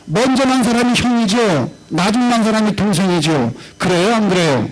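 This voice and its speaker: A middle-aged pastor with a Chungcheong accent delivers a lively revival sermon in a fairly high voice. He acts out quoted voices and swings between raised and low tones. A faint electrical hum sits under his voice. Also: moderate pace, faint music behind, rough recording. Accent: Chungcheong Korean. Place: church revival meeting hall.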